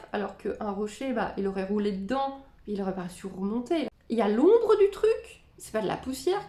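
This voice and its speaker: A woman's voice: a little high, dark tone, echoey room. A woman giving casual reaction commentary on videos, musing and chatty, reading captions aloud and then weighing in. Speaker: spiritual content creator reacting to videos.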